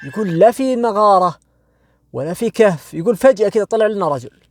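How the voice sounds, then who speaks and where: A man's voice: high-pitched, expressive. A young man with a Saudi accent retelling a horror story to his audience, casual and conversational, drawing out the tense moments. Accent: Saudi Arabic. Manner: conversational, asks listeners "you know?", frequent restarts; swings between quick asides and slow, dramatic drawn-out phrases.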